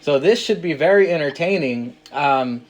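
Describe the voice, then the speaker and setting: A man hosting a casual podcast interview, upbeat and quick to laugh at himself. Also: on the high side, expressive. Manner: upbeat, laughs easily, self-mocking. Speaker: podcast host.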